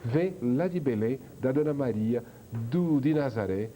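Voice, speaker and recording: A man's voice: mid-range voice, measured pace, warm tone, soft background music. A man from France, a chef guest on a TV talk show, telling his story with enthusiasm. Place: TV studio.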